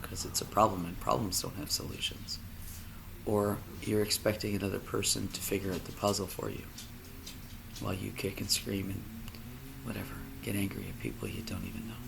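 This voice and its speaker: A man speaking a personal monologue, halting and emotional, often dropping to a near whisper. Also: lowish voice, lively intonation, gravelly, background noise. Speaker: vlogger.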